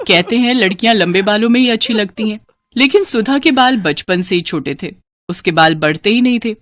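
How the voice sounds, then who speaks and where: A woman's voice: medium pitch, brisk, fairly bright tone, a little hiss or hum. Woman narrating a storybook.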